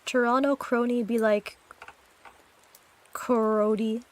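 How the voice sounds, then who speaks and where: A woman streaming live, chatting with her viewers in a loose, joking way that keeps tipping into giggles. Her voice sits high and bright. She takes her time, letting the words drawl out slowly. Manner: playful and giggly, talking to chat. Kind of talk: casual chat with live chat.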